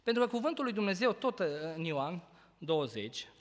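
A man preaching a sermon, explaining scripture with rhetorical questions and shifting between loud emphatic peaks and quiet reading. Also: high voice, sing-song. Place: church hall. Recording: long reverb of a church hall.

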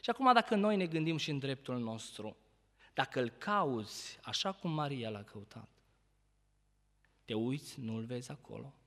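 A man preaching a sermon, explaining scripture with rhetorical questions and shifting between loud emphatic peaks and quiet reading. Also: mid-range voice, expressive. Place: church hall. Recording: long reverb of a church hall.

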